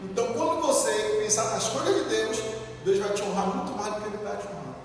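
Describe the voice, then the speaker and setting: A man's voice: high-pitched, lively intonation, quick pace, music in the background. A man with a Brazilian Portuguese accent preaching a fervent sermon in a church and leading the congregation in call-and-response. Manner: fervent, leads call-and-response, bursts into shouts. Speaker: pastor. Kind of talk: lively sermon. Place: church hall. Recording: echoey hall, voice from far off.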